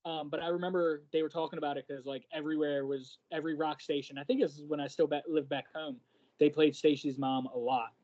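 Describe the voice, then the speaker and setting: A man's voice: a little high, fairly even intonation, quick pace, a little mellow, lo-fi sound. A man co-hosting a podcast, chatting casually and hesitating with lots of ums while he searches for words. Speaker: podcast co-host. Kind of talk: casual chat.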